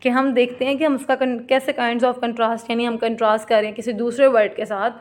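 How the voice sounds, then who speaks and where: A woman giving a classroom lecture, explaining terms in Hindi-Urdu and reading definitions slowly, addressing students as "beta". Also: fairly high pitch, flat delivery.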